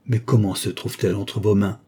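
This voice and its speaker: A man's voice: on the low side, steady tone, brisk, mellow, breathy edge. A man reading the part of a grieving, proud duchess who speaks in a muffled but sharply stressed, defensive way. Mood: indignant. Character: grieving proud noblewoman, a duchess, middle-aged. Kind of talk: audiobook dialogue reading.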